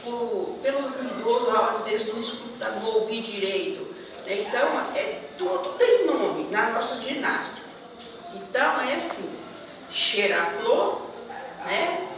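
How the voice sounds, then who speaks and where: A woman from Brazil telling stories at a community event in a chatty, animated way, often tagging her sentences with questions. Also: fairly high pitch, measured pace. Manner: chatty, animated storytelling with frequent tag questions. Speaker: community speaker. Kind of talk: storytelling at a public event. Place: event hall. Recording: echoey hall with background noise, from far off.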